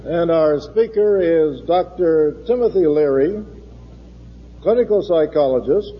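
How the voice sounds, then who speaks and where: A man's voice: a little high, lively intonation, a little slow, breathy edge. American chairman, male, in a reverberant hall. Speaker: forum chairman introducing a speaker. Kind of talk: formal public introduction. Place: large lecture hall. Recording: muffled 1960s hall recording, long reverb.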